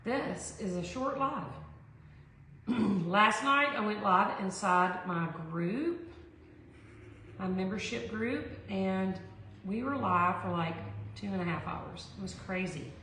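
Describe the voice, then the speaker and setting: Female live craft tutorial host, slower-paced, casual and rambling, roomy echoing sound. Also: medium pitch, expressive, fairly bright tone. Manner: rambling, thinking aloud. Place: echoey indoor room. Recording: echoey room with background noise.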